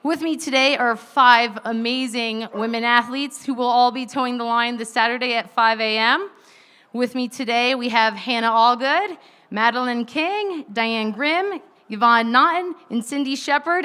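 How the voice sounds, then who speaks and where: A woman hosting a live panel on stage, with a bright, sharp tone and a fairly high voice. Her delivery is smooth and clear, upbeat like an emcee. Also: moderate pace. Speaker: panel moderator. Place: stage at a live outdoor event.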